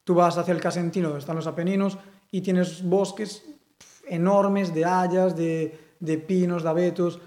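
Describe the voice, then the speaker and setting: A young man with a Galician accent speaks in a fairly high voice, rambling through a relaxed interview with plenty of filler words. The room is echoey. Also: moderate pace. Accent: Galician Spanish. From Galicia, Spain. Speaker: interviewee, sculptor. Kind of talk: casual interview.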